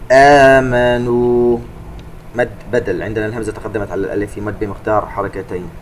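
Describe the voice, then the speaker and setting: Guy teaching quran recitation rules, calm and steady, chants verses slow, light hiss behind. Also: lowish voice. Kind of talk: tajweed lesson explaining recitation rules.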